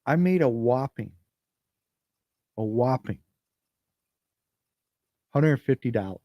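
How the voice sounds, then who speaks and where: A man's voice: mid-range voice, expressive, takes it slowly, dry recording, lo-fi sound. A man hosting a podcast livestream, chatting casually and rambling, often repeating and restarting his sentences. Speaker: podcast host. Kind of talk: casual solo livestream talk. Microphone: phone.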